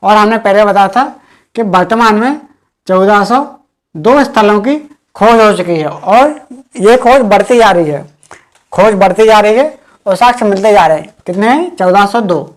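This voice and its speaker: A woman's voice: mid-range voice, expressive. Woman lecturing for exams, says stuff twice, asks questions then answers them. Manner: repeats key points slowly, drilling with questions. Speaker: teacher. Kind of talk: exam-prep history lecture.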